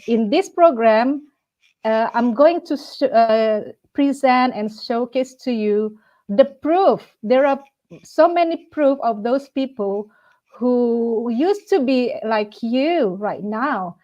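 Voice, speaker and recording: A woman's voice: on the high side, darkish tone, lo-fi sound. A woman in her forties from Indonesia, hosting a live-streamed talk program, speaking with many hesitant fillers.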